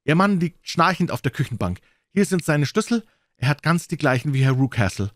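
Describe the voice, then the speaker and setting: Man doing a high eager young governess, urgent, storybook reading, dry close sound. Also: big pitch swings, a little fast, no room sound.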